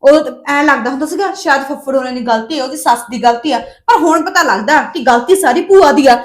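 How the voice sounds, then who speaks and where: A woman's voice: sits high, natural voice. An actress playing a defiant young unmarried daughter who argues sharply with her mother. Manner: defiant, quick arguing. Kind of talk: Punjabi family drama acting.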